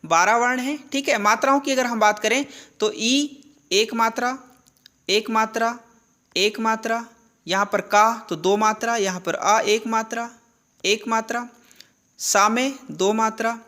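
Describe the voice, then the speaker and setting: Slow, deliberate woman teaching grammar. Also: fairly high pitch, a bit bright. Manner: asks questions and answers them herself; slow and deliberate, repeats key terms. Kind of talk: classroom-style lesson.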